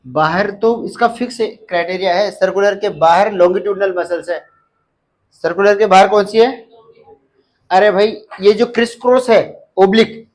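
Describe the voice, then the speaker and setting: A man who teaches nursing exam prep lectures a live class, repeatedly asking the students questions and repeating key terms. His voice is high-pitched, and the recording is rough.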